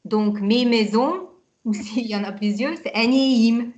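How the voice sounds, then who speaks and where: Woman teaching slowly over a call. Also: on the high side, a little mellow, lo-fi sound. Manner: spells words out letter by letter, patient and corrective. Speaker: Hungarian teacher. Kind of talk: language lesson over video call. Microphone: video call.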